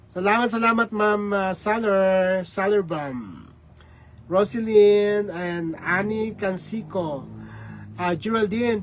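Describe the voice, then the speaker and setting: A man hosting a casual livestream, greeting viewers by name with repeated hellos. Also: sits high. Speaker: livestream host.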